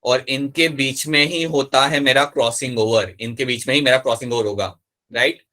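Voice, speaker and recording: A man teaching a live biology class in a bright, forceful voice. He goes step by step, repeating the key terms and asking his students whether they follow. He switches freely between Hindi and English mid-sentence. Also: mid-range voice, fairly even intonation, normal speed. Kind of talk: live online class lecture.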